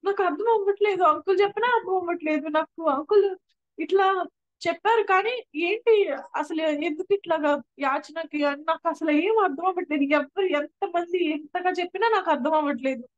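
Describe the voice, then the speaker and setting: Young woman giving church testimony, very high voice, dry dull sound, keeps repeating herself. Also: fairly quick, dry recording. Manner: earnest, repeats and restarts phrases. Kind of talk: personal testimony. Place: prayer house.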